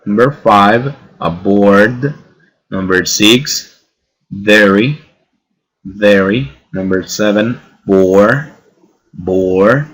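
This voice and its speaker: A man's voice: fairly low pitch, very slow, long pauses, fairly bright tone, husky, poor audio. A male teacher giving a bilingual spelling lesson, repeating each word twice and often adding "¿verdad?". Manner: mixes Spanish and English, often adds "¿verdad?".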